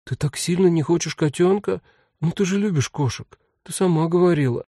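A man's voice: fairly high pitch, fairly quick, dark tone, no room sound, voice pushed up. An eager little sister chatters insistently, as a male reader voices her. The voice is lifted well above his own, close and dry. A storybook child who keeps pressing her point. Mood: puzzled. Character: excited little girl, younger sister.

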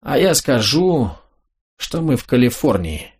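A jittery young man on the edge of hysteria, as an audiobook narrator puts him on. His voice is husky, and he talks in an unsteady, bitterly amused way. Storybook reading. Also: medium pitch, very animated, a little slow, a little mellow. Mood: hysterical.

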